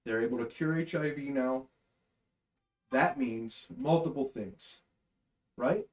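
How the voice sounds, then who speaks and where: High-voiced guy in his late 20s, joking around, lots of room echo. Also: slow, vocal fry. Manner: animated, teasing, builds up to jokes. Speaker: podcast co-host. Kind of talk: casual chat. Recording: echoey room.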